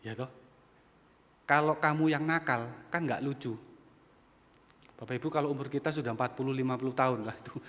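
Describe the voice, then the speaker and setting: A man, preaching a sermon and telling a personal story, moving between quiet asides and loud emphatic points. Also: medium pitch, a little fast, pauses often. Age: 50s. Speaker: pastor. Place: church sanctuary. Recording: long church reverb.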